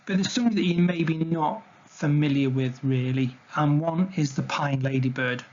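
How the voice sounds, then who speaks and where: A man's voice: a little high, normal speed, a little mellow, muffled recording. A man giving an illustrated talk on wildlife to slides, in an informal, conversational way. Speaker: wildlife educator presenting a talk.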